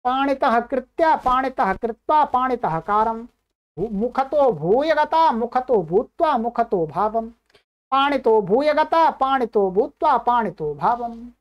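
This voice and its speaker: Woman, high voice, online grammar teacher, recites then explains. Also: lively intonation, slow. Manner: recites rules, then explains them plainly.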